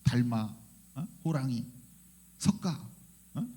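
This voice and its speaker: A male pastor giving a fervent, animated sermon in church, often crying out hallelujah and questioning the congregation. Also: medium pitch, slow. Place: church sanctuary.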